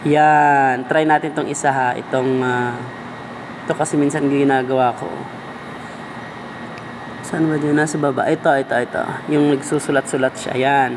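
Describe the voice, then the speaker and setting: Against a noisy background, a Filipino-accented man gives a step-by-step video editing walkthrough, chatting informally as if to a friend. He speaks at medium pitch with a flat delivery and normal speed, pausing often.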